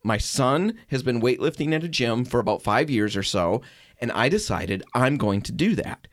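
A middle-aged man hosting a radio show, chatting casually and telling a story in an animated way. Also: mid-range voice, normal speed, no echo, clean studio sound. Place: radio studio.

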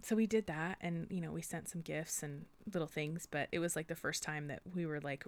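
Low-voiced woman gushing on a podcast. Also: fairly even intonation, fairly quick. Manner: gushing, emotional, laughs often. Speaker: podcast co-host. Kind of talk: casual chat.

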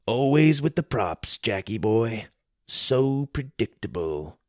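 A man's voice: mid-range voice, lively intonation, moderate pace, vocal fry, fairly bright tone, no echo, studio quality. A man voicing a smug, cocky boy hero who drawls teasing taunts. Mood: taunting.

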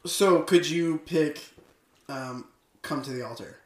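A man's voice: a little high, slow pace. A man chatting casually as a podcast guest in an echoey room. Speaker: podcast guest, worship leader. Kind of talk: casual chat. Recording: echoey, roomy sound.

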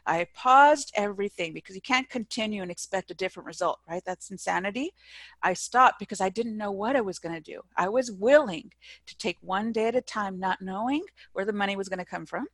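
A woman's voice: mid-range voice, a little fast, a bit bright, no echo. Earnest middle-aged woman, dry close sound. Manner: earnest and emphatic, with frequent restarts. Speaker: entrepreneur guest. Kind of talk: personal story in a podcast interview.

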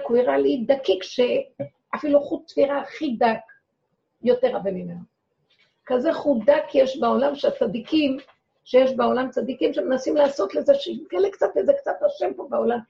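A woman's voice: high voice, creaky, dark tone, dull audio. A woman speaking as a rebbetzin, telling a personal story to an audience in a dramatic way. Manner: dramatic storyteller who acts out her own cries and quotes. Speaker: rebbetzin giving a talk. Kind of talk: personal testimony told to an audience.

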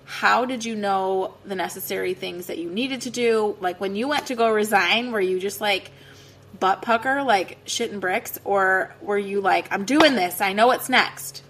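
A woman hosting a podcast, talking casually and warmly in a chatty way full of fillers. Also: mid-range voice, normal speed, slight background noise, low-quality recording. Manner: chatty, peppered with "like". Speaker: podcast host.

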